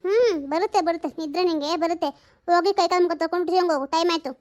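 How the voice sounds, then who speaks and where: A chatty housewife scolds, gossips and frets in a homely comedy sketch, as a woman plays her. Her voice sits very high, and she swings easily into nagging. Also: racing, darkish tone. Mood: scolding.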